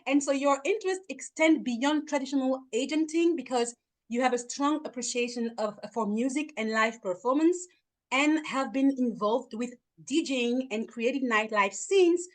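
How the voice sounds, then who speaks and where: A woman interviewer who reads out a guest's bio and asks questions in an upbeat manner. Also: high-pitched. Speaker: interviewer, host. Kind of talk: interview, reading a prepared bio.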